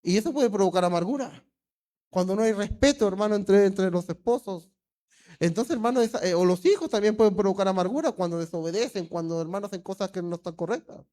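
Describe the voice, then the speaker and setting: Fervent high-voiced male pastor preaching. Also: quick pace, warm tone. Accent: Peruvian Spanish. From Peru. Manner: preaching fervently, repeats "hermano" often. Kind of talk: sermon.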